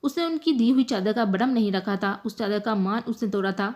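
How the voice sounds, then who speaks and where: A woman narrating a romantic novel aloud in an emotive, measured storytelling manner. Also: mid-range voice, a little mellow. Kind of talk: scripted novel reading.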